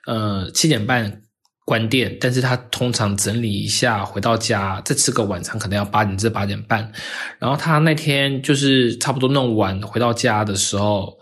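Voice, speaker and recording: A man's voice: on the low side, fairly bright tone, slightly rough. A man in his thirties, co-hosting a podcast, telling a long story in casual chat with many restarts and fillers. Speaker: podcast co-host.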